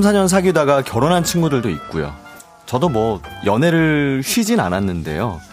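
A man's voice: medium pitch, darkish tone. A man, a voice actor guest in a radio studio, chatting easily and reading out a listener's letter. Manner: easygoing, reads listener letters. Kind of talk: casual radio chat and story reading. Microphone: studio microphone.

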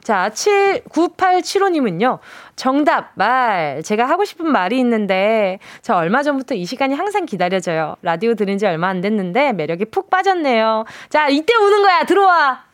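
Woman radio DJ, playful and chatty, lively bouncing pitch, dry close studio sound. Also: dry recording. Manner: playful, chatty, reads listener texts with quick reactions. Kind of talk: casual radio show chat. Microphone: studio mic.

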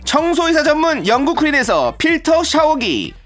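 A woman announces radio sponsors and prizes from a script. Her voice is high and very lively, with faint music behind it. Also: moderate pace.

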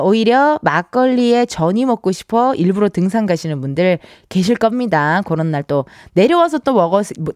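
A woman's voice: medium pitch, darkish tone, dry recording, studio quality. A woman hosting a radio show, chatting and reading out listener texts with a ready laugh. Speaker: radio host. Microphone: studio microphone.

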